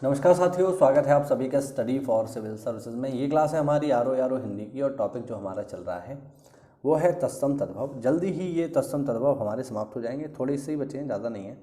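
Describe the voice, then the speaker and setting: A man's voice: medium pitch, expressive, brisk, dark tone. A man teaching an exam-preparation lesson. He repeats key words and often checks in with his students.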